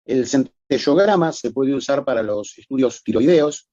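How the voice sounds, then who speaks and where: A man's voice: medium pitch, lively intonation, normal speed, dark tone, no room sound, highs cut off. A man giving a recorded medical lecture, explaining methodically and addressing students formally.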